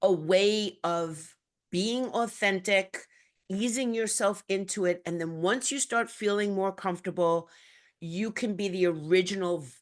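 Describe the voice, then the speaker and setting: A woman hosting a podcast in casual chat, rambling and chatty with frequent restarts. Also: on the low side. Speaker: podcast host.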